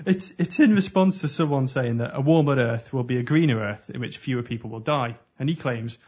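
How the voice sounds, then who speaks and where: A man's voice: mid-range voice, brisk, darkish tone, slightly rough. A man co-hosting a podcast in casual comedic chat, reading out quotes with dry asides. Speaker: podcast co-host. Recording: muffled lo-fi podcast audio.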